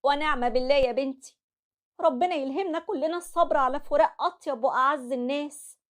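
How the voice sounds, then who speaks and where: A woman with an Egyptian accent voicing a gentle, pious mother soothing her daughter. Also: high-pitched, fast talker, voice pushed up. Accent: Egyptian Arabic. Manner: soothing, tender.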